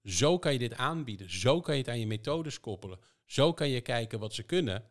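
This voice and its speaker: A man's voice: mid-range voice, lively intonation, fairly quick. A man speaks in an explanatory podcast chat with a mid-range voice. He drives his points home through strings of rhetorical questions. His tone is emphatic and practical. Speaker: education software provider.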